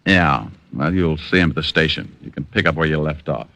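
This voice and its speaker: An actor with an extremely low, bright, forceful voice plays a tough, wisecracking private detective in a 1950s-style old radio drama, also narrating the story. He's wry and full of quick comebacks, giving a full character voice on a dry recording.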